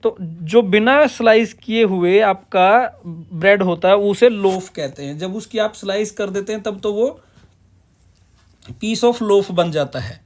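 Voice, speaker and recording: A man's voice: high voice, a little mellow. A man teaching a lesson, asking and answering his own questions and mixing English terms into his Hindi. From Punjab, India. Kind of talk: classroom-style lesson explanation.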